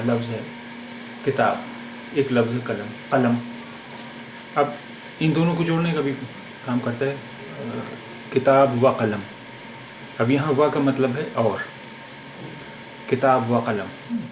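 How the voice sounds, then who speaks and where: A man's voice: medium pitch, darkish tone. Guy teaching a language class, says each word over and over, echoey room, bit of hiss. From India. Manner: slow, repeats each word several times. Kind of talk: spoken language lesson. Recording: roomy echo, faint background noise.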